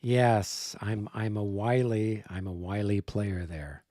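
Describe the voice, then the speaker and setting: A man's voice: fairly low pitch, steady tone, slow, warm tone, dry recording, clean studio sound. A man hosting a livestream of a tabletop wargame, chatting casually and laughing often. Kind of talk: casual chat.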